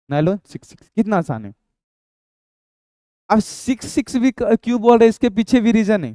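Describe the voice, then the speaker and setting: A man teaches chemistry in a coaxing, repetitive way, asking questions and answering them himself. His voice is a little high, mellow and smooth, and it sounds dry and close. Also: no room sound. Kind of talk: exam-prep lecture.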